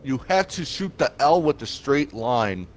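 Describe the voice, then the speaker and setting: A man's voice: medium pitch, very animated, a little slow, a little hiss or hum. A man in a casual gaming voice chat, patiently walking teammates through steps between crude jokes. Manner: patient step-by-step instructions, crude teasing. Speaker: gamer guiding teammates.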